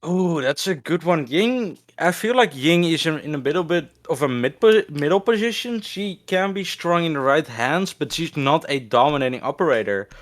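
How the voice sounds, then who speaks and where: A woman giving excited play-by-play commentary on an esports match. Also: low voice, moderate pace, few pauses. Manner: excitable, speeds up on big plays.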